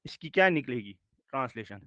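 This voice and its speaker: A man teaching a recorded lecture, explaining slowly, repeating words and checking in with his students. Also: mid-range voice, big pitch swings, a bit bright, no echo. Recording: dull dry lo-fi recording.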